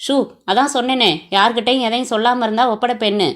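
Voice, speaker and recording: A woman's voice: on the high side, steady tone, fast, lightly acted. A woman voicing a masked male kidnapper who gives curt, threatening orders. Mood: menacing.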